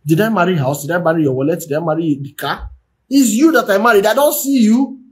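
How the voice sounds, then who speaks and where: A man's voice: high-pitched, fast, a little mellow, close to an everyday voice. A man playing a frustrated wife who fires off pleading rhetorical questions at her husband. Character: frustrated lonely wife, adult woman.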